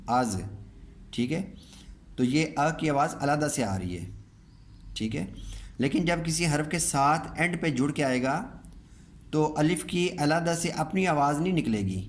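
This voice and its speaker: A man teaching reading and writing in a step-by-step spoken lesson, patiently repeating each word slowly and checking that students follow. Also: on the high side, slight background noise.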